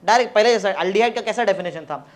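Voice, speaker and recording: A man teaching chemistry in a classroom, dictating notes slowly and spelling words out letter by letter. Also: sits high. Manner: mixes Hindi and English, urging students to hurry.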